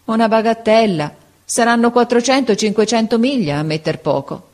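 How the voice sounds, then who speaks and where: A woman voicing a kindly old woman who speaks gently and with pity, giving quick advice. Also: fairly high pitch, pitched above the performer's own voice, natural voice. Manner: gentle, sympathetic, then brisk with advice.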